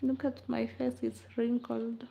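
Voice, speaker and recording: Slow-talking woman, playful livestream chat. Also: fairly high pitch, little pitch movement, vocal fry. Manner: playful and teasing, laughs often. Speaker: livestream host. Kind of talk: casual live chat answering comments. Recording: dull lo-fi livestream audio.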